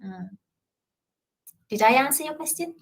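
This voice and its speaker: This woman speaks in a high, expressive voice at a slightly slow pace. She is a university lecturer with a Malaysian English accent, fielding questions from the audience at a talk and frequently tacking on "yeah?" or "all right?" to make sure she's understood.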